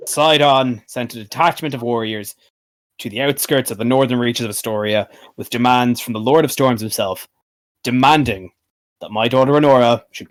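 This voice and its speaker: A man narrating as game master of a tabletop game, relaxed and laughing. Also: mid-range voice.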